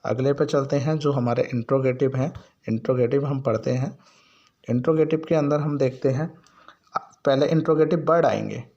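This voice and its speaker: A man teaching a grammar lesson, explaining step by step and asking and answering his own questions while he repeats example sentences slowly. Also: mid-range voice, fairly even intonation, dark tone, lo-fi sound. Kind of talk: Hindi grammar lesson for learners.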